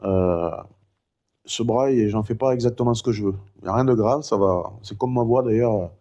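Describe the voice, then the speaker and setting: Rambling middle-aged man, mellow low voice. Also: moderate pace, muffled recording. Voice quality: no longer has a high head voice, one vocal cord impaired. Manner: rambling and talkative, many fillers. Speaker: vlogger recounting his cancer. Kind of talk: casual chatty vlog.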